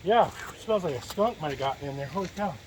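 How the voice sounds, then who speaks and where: Relaxed man talking to himself while working. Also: fairly high pitch, fast, noisy background. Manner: relaxed, talks to himself while working, breathes hard from effort. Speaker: DIY builder vlogging his project. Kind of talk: casual self-narration while working.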